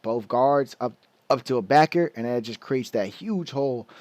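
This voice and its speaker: A man at an ordinary middle pitch gives a casual football film breakdown, his slangy commentary full of restarts as he explains each play. He is recorded close and dry, with no room sound, and he is fighting the hiccups. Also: animated, normal speed, darkish tone, no room sound. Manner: loose, slangy, restarts a lot while explaining plays.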